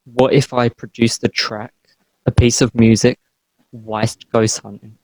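A young man, chatting on a podcast, excitable and playful, tripping over his words. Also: medium pitch, unhurried, no echo, rough recording. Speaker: podcast co-host. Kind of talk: casual chat.

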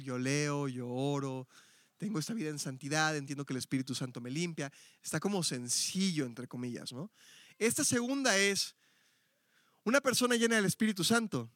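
A man's voice: a little high, fairly bright tone, dry recording, studio quality. A middle-aged man from Mexico City with a Mexico City Spanish accent, giving a chatty, explanatory church teaching with frequent fillers and self-corrections. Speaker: Bible teacher.

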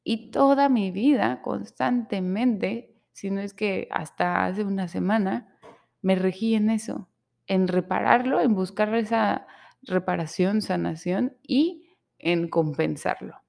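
Slow and candid, a young adult podcast host shares an emotional personal confession, voicing the thoughts she had in her head. Her mid-range voice carries vocal fry and a darkish tone.

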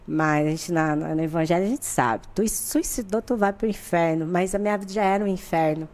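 A woman from Brazil, a podcast guest, telling a personal story in candid, informal chat and acting out the people in it. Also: brisk. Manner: animated, acts out the people in her story with sudden jumps in pitch; candid and informal, with slang and frequent laughter. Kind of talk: personal storytelling in a casual interview.

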